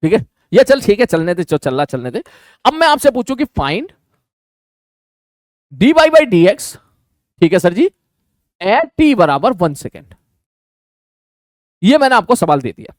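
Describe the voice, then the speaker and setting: A man with a fairly high voice teaches maths in a Hindi lecture. He talks casually, asking his students questions and answering them himself. The recording is close and dry, with no room sound. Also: sing-song, measured pace, pauses often, dry recording.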